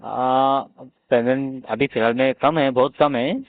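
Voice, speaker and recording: An Indian man, a loan customer on a collection call, answers evasively, stubbornly and nonchalantly in a casual phone conversation. His voice is medium-pitched, steady and unhurried, heard through a tinny, narrowband phone line.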